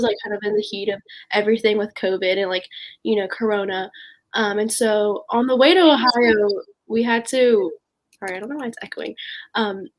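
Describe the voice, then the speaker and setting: A sixteen-year-old girl with a mid-range voice, recorded with poor audio, chats casually about personal things as a podcast guest. She sounds hesitant and says "like" a lot.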